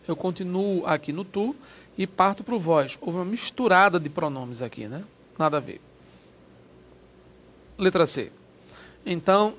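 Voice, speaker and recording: A man teaching a grammar lesson for an exam, explaining step by step and asking himself rhetorical questions. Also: high-pitched.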